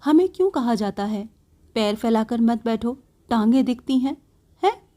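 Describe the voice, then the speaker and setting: A woman reading a literary story aloud in the first person, in a slow, soft narrating manner. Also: a little high, lively intonation.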